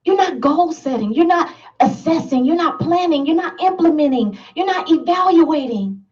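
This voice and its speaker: A woman's voice: high voice, animated, moderate pace, a little mellow, distant mic, dull audio. Emphatic preachy woman speaking from across a room. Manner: emphatic, preachy, asks the audience questions and laughs often. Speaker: motivational speaker. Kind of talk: motivational talk to a live audience.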